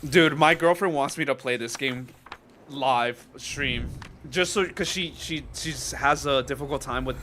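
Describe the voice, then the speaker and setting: A man's voice: medium pitch, a little slow, a little hiss or hum. A man streaming live, rambling and swearing, tired and yawning as he reacts to a games showcase. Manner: rambling, swears often, says "dude" and "bro". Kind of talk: casual live-stream commentary. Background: loud showcase audio playing.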